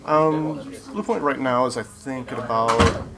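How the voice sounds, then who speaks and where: Talking unhurriedly in a mid-range voice, a man who develops video games gives sincere, explanatory answers in a casual interview. The chatter of a crowd can be heard around him.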